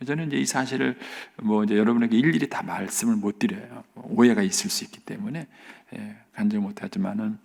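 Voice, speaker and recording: A middle-aged man with a gravelly, creaky voice delivers an early-morning sermon from a church sanctuary. He speaks earnestly and keeps dropping into a hushed near-whisper to drive home his points. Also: on the low side, brisk, hardly any pauses. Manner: earnest, often drops to a soft near-whisper for emphasis. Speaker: pastor. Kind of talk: dawn service sermon.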